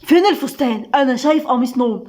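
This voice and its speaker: A woman's voice: fairly high pitch, very fast, a little mellow, close to an everyday voice. A woman with an Egyptian Arabic accent, voicing a cold, stern, jealous young man in a story.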